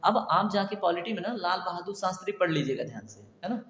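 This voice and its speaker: A man teaches an exam prep lecture in a high voice. He fires off questions and answers each one himself, repeating the key points. His voice rings through a roomy hall with a long echo. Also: expressive, fast, fairly bright tone. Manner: repetitive quizzing, asks and answers himself.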